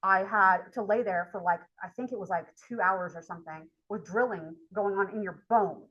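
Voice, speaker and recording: In a casual lecture, a woman college instructor wanders through a personal story, chatty and packed with filler words. She speaks at medium pitch and normal speed with a somewhat bright tone, on a muffled recording.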